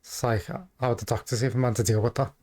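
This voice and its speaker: A man reacts to videos in a casual, unscripted way. His mid-pitched voice moves along haltingly and rambles from thought to thought, as a host thinking out loud would. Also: fairly even intonation. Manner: hesitant, halting, rambling delivery. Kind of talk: casual off-the-cuff commentary.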